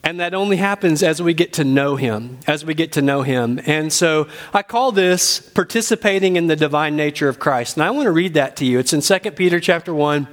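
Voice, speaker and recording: A man's voice: fairly high pitch, animated, a little fast, hardly any pauses. A man giving an earnest sermon as pastor, speaking at a pulpit microphone and repeating key phrases for emphasis. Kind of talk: sermon teaching.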